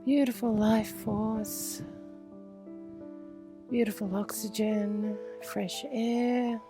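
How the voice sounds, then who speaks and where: A woman guiding a meditation outdoors at a retreat, speaking slowly and soothingly and often sinking into soft whispers. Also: on the high side, flat delivery. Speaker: meditation guide. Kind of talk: guided meditation. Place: outdoor retreat under a pyramid structure. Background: instrumental music.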